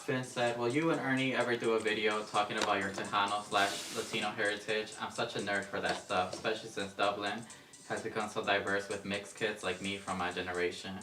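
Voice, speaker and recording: A man's voice: lowish voice, flat delivery, a little fast, pushed and bright, far from the mic. A man from Mexico reading viewer comments aloud and chatting in a dry, matter-of-fact way. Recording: roomy, off-mic, music behind. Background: faint background music.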